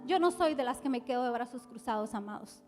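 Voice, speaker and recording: A Costa Rican woman pastor preaching a sermon with passion, rising from soft to loud. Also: a little high, lively intonation, quick pace, soft background music. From Costa Rica. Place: church hall with worship music. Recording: live church hall reverb.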